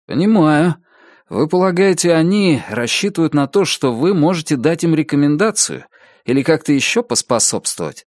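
Measured, evasive cop from a male reader, dry close sound. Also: a little high, expressive, darkish tone, no room sound, pitched above the performer's own voice, natural voice. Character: calm male police officer, noncommittal. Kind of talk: audiobook character voice.

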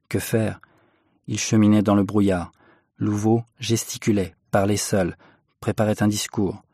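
Man, audiobook narrator, low voice, dry close sound. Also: no room sound. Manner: measured, expressive reading. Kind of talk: audiobook reading of a classic novel.

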